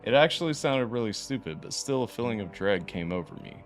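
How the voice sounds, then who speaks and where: A man's voice: lowish voice, animated, a little fast, faint music behind. A man reading a horror story aloud as a podcast host, stumbling and restarting now and then. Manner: reads unevenly, stumbles and restarts.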